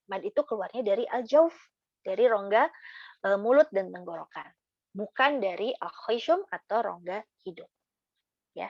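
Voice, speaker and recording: A woman giving a casual lesson on Quran recitation, chatting with many fillers and slowly demonstrating how words should be recited. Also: medium pitch, no echo, lo-fi sound.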